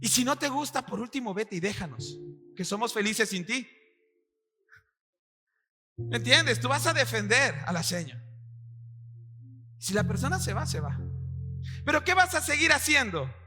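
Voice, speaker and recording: Speaking at an extremely high pitch and a moderate pace with frequent pauses, a Peruvian-accented pastor delivers a sermon in a church hall full of congregants. He animatedly acts out quotes and quizzes the crowd, while long reverb and faint music fill the recording.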